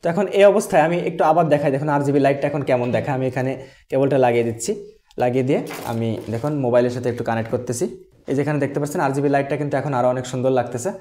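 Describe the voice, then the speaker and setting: A man's voice: mid-range voice, rapid-fire, warm tone. A man explaining a microphone setup and sound test to his viewers, recorded on a desk microphone. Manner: explanatory, addresses viewers directly. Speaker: tech reviewer. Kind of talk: product review and sound test. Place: at a desk indoors. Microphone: desk USB dynamic microphone on an arm stand.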